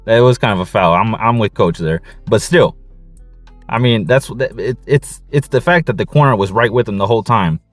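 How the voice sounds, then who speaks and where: Excited man breaking down game film. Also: lowish voice, normal speed, no room sound, faint music behind. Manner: excited, repeats catchphrases, casual slang. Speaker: football coach and film analyst.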